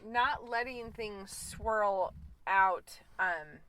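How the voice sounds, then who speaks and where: A woman in her forties co-hosting a podcast in casual chat, telling animated stories and acting out quotes. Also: mid-range voice, extremely slow, slight background noise, rough recording. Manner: animated storyteller, acts out quotes with laughter. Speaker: podcast co-host.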